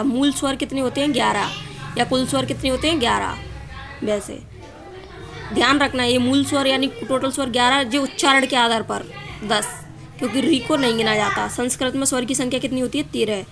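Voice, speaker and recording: High-voiced woman teaching grammar. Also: fairly quick. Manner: asks and answers her own quiz questions; drags out vowels to show their length. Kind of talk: exam-prep grammar lesson.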